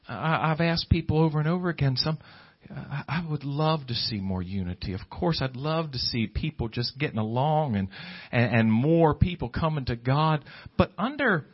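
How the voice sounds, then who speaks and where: An animated man with a voice on the high side and a breathy edge preaches at a moderate pace. His sermon is conversational and improvised, emphatic, full of rhetorical questions, and quotes scripture and imagined objectors, all on a dull, lo-fi recording.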